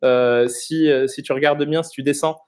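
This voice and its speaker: A man in his thirties from Morocco, a guest in a casual interview, explaining things in a halting way with frequent pauses. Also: a little high, fairly even intonation, darkish tone, clear, resonant tone.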